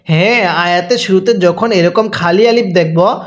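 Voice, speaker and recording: A man with a high-pitched voice and a Bangladeshi Bengali accent teaches a Quran recitation lesson. He stretches each syllable out slowly so the listener can repeat after him, then picks up the pace when explaining the rules.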